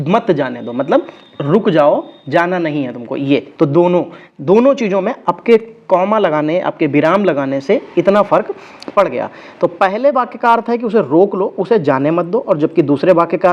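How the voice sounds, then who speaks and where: A man's voice: sits high, a little mellow, muffled recording. A man teaching an exam-prep class in a conversational way. He asks questions and answers them himself, reading example sentences aloud. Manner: reads example sentences aloud and corrects typos as he goes. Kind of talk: online exam-coaching class.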